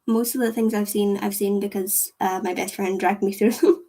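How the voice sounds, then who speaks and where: A young Scottish livestream host casually chats with her viewers in a medium-pitched, mellow voice at normal speed and with fairly even intonation. She rambles and giggles, using "like" all the time.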